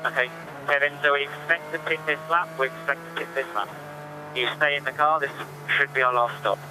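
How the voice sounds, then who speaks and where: A man's voice: a little high, steady tone, fairly quick. Man on noisy team radio, terse pit call. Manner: repeats instructions. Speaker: race engineer on team radio.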